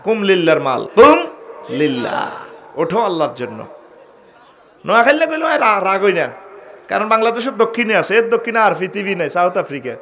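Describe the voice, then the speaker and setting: High, bright-voiced preacher with a Comilla accent. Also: male voice. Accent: Comilla Bengali dialect. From Bangladesh. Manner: sing-song chanting of verses, calls to the crowd. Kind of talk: humorous Islamic sermon.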